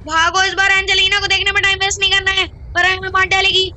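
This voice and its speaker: A gaming YouTuber giving excitable horror-game commentary with a slightly hoarse throat, yelping and exclaiming at each scare. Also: very high voice, fast talker, a little hiss or hum. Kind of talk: excited Hindi gameplay commentary.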